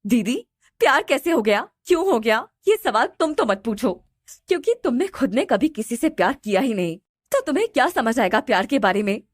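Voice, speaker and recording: A woman voicing a weeping, high-pitched younger sister. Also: very animated, normal speed, no echo, clean studio sound. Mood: tearful indignant. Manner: crying, high-pitched pleading.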